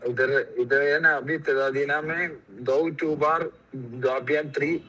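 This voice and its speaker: Male student, halting reader, slow delivery, husky edge. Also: fairly high pitch, steady tone, sharp tone, poor audio. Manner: halting, reads aloud with pauses. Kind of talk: class participation.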